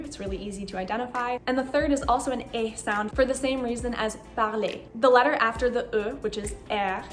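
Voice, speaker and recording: A woman teaching pronunciation in a slow, careful instructional manner, sounding out words and single sounds deliberately. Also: on the high side.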